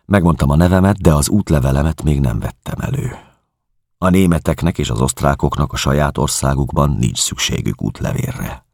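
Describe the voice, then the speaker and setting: A man reading a novel aloud as an audiobook, in a measured, calm first-person voice. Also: a bass voice, gravelly, no room sound, clean studio sound. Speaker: audiobook narrator.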